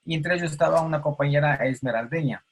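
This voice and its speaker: Husky man telling a story. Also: a little high, quick pace. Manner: anecdotal, acts out quoted voices. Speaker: audience participant. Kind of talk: telling a personal story in an online panel.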